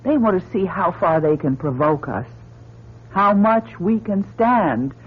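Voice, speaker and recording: A lowish, husky female voice, expressive and unhurried, in a full character performance. An actress plays a spirited female astronaut, pleading yet firm, in emotive, melodramatic radio-drama style, with urgent pleading and an emotive, urgent manner. The old radio recording is muffled and lo-fi.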